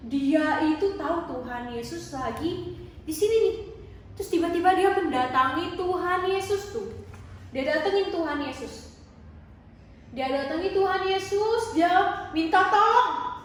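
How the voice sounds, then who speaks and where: A woman telling a story to toddlers as their Sunday school teacher, in a slow, sing-song, animated way. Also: very high voice, very echoey, recorded from a distance, a little hiss or hum.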